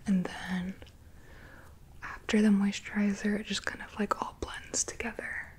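Woman, whispered role-play as spa attendant. Soft, breathy, unhurried and soothing. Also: medium pitch, level tone. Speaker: ASMR host playing a spa beautician.

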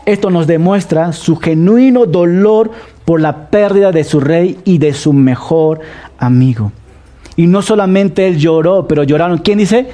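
A middle-aged man with a Peruvian Spanish accent, preaching a sermon to his congregation, asking them questions and repeating key phrases slowly for emphasis. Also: sits high, mellow. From Peru. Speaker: pastor. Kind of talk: sermon, Bible study.

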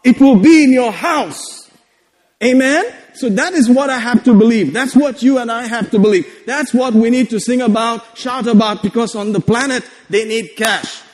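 A man's voice: very high voice, normal speed. A man with a Malayali Indian English accent preaching a sermon in a conversational, joking, exhorting manner, often calling for amens. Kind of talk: sermon to a congregation, exclamatory call-outs. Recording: echoey hall with long reverb.

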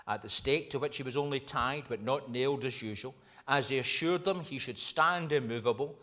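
A man preaches from the pulpit in a voice of ordinary male pitch. He lurches from loud, stretched-out emphasis to near-whispered, slowed phrases. Now and then he slips in dry, self-mocking humor. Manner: dramatic swings between loud emphatic phrases and hushed slow ones. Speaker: pastor. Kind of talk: sermon.

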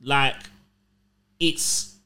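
A man's voice: extremely slow, pushed and bright. A male DJ talking in casual, slangy group banter.

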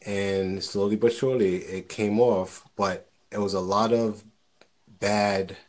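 A man's voice: fairly low pitch, fairly even intonation, takes it slowly. A man talking earnestly in a casual conversation, giving encouragement and often repeating words as he starts a thought.

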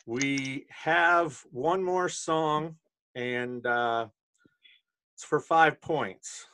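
A man's voice: on the high side, drawn-out words, pushed and bright. A man hosting a podcast on a video call, running a party game in joking, profane casual chat. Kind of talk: casual late-night chat.

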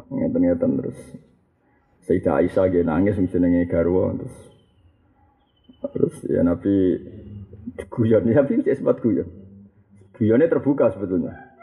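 A middle-aged man with a Javanese accent giving a humorous sermon on a classical religious text, switching between Javanese and Arabic recitation. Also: deep voice. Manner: humorous, mixes Javanese, Indonesian and Arabic, laughs often. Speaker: Islamic preacher teaching a classical text. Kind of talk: sermon, kitab study lecture. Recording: tinny phone-like lecture recording.

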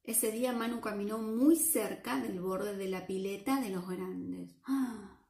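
A woman with a Rioplatense Spanish accent reads a picture book aloud to children, playful and lively, often asking them questions. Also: mid-range voice, unhurried, creaky, echoey room. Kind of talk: animated read-aloud for children.

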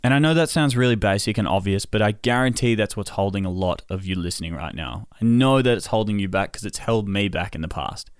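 A man hosting a solo podcast in a casual, low, unhurried and subdued way, sounding tired and sore. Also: lively intonation, smooth, no echo, studio quality. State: tired and in pain, recovering. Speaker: podcast host.

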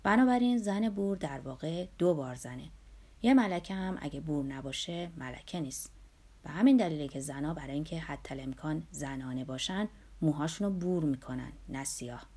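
A woman's voice: sits low, warm tone. A woman reading the lines of a cynical middle-aged male doctor in an audiobook, in a dry, lecturing manner. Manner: dry, lecturing, sweeping claims.

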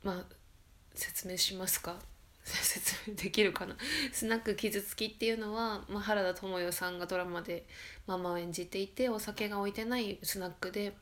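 A woman hosting her own talk podcast, chatting casually late at night in a quiet, low-energy voice that keeps slipping into a whisper, rambling and correcting herself as she goes. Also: fairly even intonation, fairly quick. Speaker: radio podcast host.

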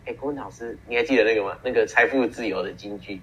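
Fast-talking teen boy, husky, muffled. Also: lowish voice, a bit bright. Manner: storytelling, teasing. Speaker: podcast co-host. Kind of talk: casual chat. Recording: muffled single-track home recording.

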